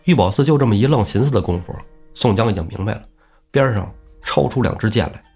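A man casually retelling a classic tale on a podcast, lively and acting out the characters' lines. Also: fast, breathy edge, faint music behind. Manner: lively, acts out characters' lines with raised pitch. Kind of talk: casual comic storytelling.

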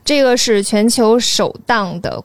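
A woman's voice: on the high side, animated, measured pace, no room sound. A young adult woman chatting casually as a podcast co-host.

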